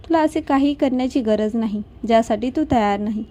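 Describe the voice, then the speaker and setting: A woman's voice: fairly high pitch, brisk, close to an everyday voice. A woman reading as a tender young husband. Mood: gentle. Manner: soft, gentle, coaxing. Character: tender young man comforting his wife. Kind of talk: storybook reading.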